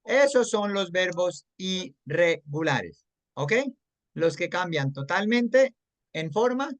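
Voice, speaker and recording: A Colombian-accented English teacher giving an online grammar class at an unhurried pace, patient and checking understanding often. English words are dropped into the Spanish explanation. The recording is dry and close. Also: mid-range voice, animated, dry recording.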